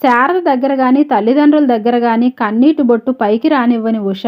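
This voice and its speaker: A woman storyteller reading a novel aloud at a steady, unhurried pace. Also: fairly high pitch. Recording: slightly dull, lo-fi audio.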